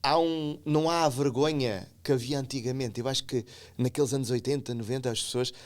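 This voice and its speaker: Smooth-voiced man from the algarve. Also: mid-range voice, a little fast. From Portugal, Algarve. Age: middle-aged. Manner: animated, stumbles and repeats words. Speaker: podcast guest. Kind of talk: casual conversation.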